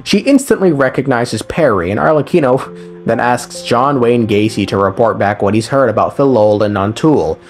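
With a medium-pitched voice, lively intonation and a normal pace, a man gives a casual, sarcastic recap of a game's story, full of profane, irreverent humor. He speaks over background music.

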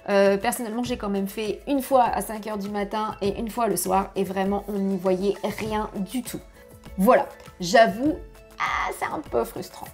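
A woman's voice: medium pitch, fairly even intonation, moderate pace, a little mellow, soft background music. A woman narrating family travel tips in a friendly, advice-giving voice-over.

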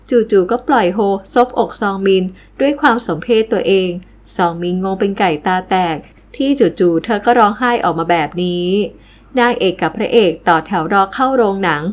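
A woman narrating a recap of a television drama in a steady storytelling read. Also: medium pitch. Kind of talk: scripted plot-recap narration.

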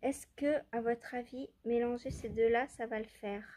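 A steady, dark tone marks this woman's voice, which is on the high side and moderately paced. A knitting vlogger at home among her yarn stash, she films on a handheld phone while casually selecting yarns for viewers, thinking aloud in a hesitant, musing way with plenty of fillers and questions to herself.

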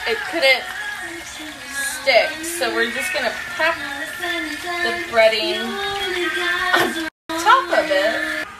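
A woman's voice: high-pitched, expressive, drawn-out words, pauses often, reverberant, over loud music, poor audio. A young woman co-hosting a comedy cooking show, giggling and shrieking through casual banter in a home kitchen.

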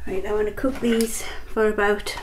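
A young English-accented woman chats through a home cooking and eating vlog in her kitchen, talking while she eats and a little sniffly from a cold. This mukbang vlogger has a mid-range voice with little pitch movement, normal speed, and slight background noise.

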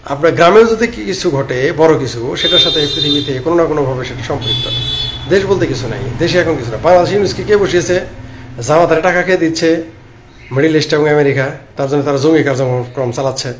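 Speaking into a phone at arm's length, this man in his late fifties offers informal political commentary on a live stream in a Bangladeshi accent and a fairly high pitch. He answers comments in a sarcastic, rambling manner, repeating himself, over a clearly noisy recording.

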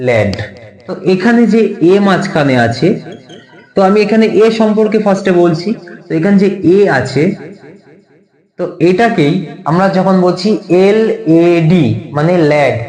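A man's voice: high voice, a little mellow, roomy sound. A man teaching an English lesson in a casual video style, spelling words out letter by letter and repeating each point many times.

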